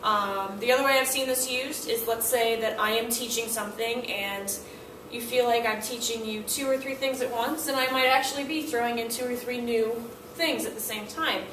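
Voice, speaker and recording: A woman's voice: a little high, moderate pace, background noise. A woman language teacher explaining classroom signals and acting out what students and the teacher say. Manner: animated, acts out student and teacher lines in quotes. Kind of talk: classroom instruction. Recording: echoey room, mic at a distance.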